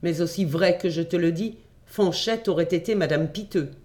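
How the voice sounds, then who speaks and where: A man's voice: on the high side, moderate pace, darkish tone, lightly acted. A man voicing a blunt, mocking boy cousin in an audiobook reading, with a dry, sardonic delivery.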